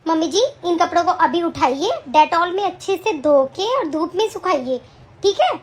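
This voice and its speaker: Bossy young daughter-in-law, high-pitched and commanding, played by a woman. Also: lively intonation, normal speed. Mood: scolding. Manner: scolding, commanding. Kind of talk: amateur family drama acting.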